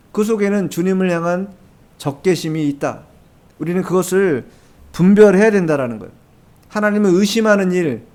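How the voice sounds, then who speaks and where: In a church sanctuary, a male pastor with a notably high, slightly mellow voice delivers a Sunday sermon to his congregation. His manner is emphatic, driving points home with rhetorical questions and repeated key phrases.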